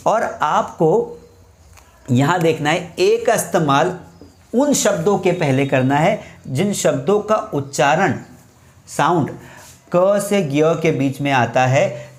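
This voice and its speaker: A male teacher giving a lively grammar class. He repeats his main points and keeps asking the students questions. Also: fairly high pitch. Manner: mixes English phrases into Hindi. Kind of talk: classroom lecture. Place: writing on a board while teaching.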